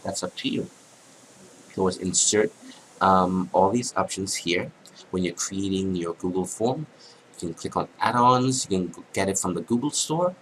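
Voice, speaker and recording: Man, deep voice, hoarse and congested, software tutorial voice-over, halting with ums, faint background hum. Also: low-quality recording. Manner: casual, halting, many ums. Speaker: tutorial narrator. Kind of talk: screen-recorded software tutorial.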